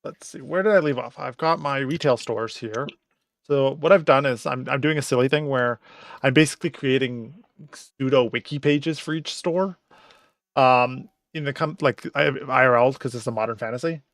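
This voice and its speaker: A man's voice: mid-range voice, moderate pace, fairly bright tone, no room sound. A man streaming casually, thinking aloud as he works through his notes. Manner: thinks aloud while working.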